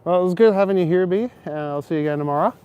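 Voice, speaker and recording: A man's high-sitting voice comes out rapid-fire and clean, though the highs are cut off. Speaking with an Ontario Canadian accent, he walks a winter city square on a casual livestream, rambling to his chat, joking and chuckling often.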